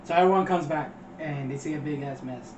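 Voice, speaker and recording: A man's voice: a little high, brisk, darkish tone. A man co-hosting a casual movie review, retelling scenes loosely and laughing as he quotes the characters. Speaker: podcast co-host. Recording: dull, far-off roomy mic with faint noise.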